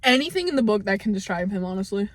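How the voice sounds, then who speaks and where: A woman's voice: medium pitch, very animated, fast, slight background noise. A young woman chatting casually in a car, making crude, offhand jokes while eating. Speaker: vlog co-host. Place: inside a car.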